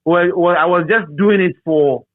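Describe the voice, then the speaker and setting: Over a thin, narrow-band line that sounds like a phone, a radio DJ, a middle-aged man with a Ghanaian accent, looks back on the past in a relaxed interview, repeating phrases to stress them. His voice sits high at normal speed, with no echo.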